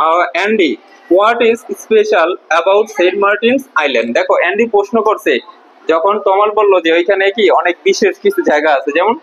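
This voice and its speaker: High-voiced Bangladeshi man teaching English. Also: highs cut off, a little hiss or hum. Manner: asks and answers his own questions, repeats key words. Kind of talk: classroom lesson.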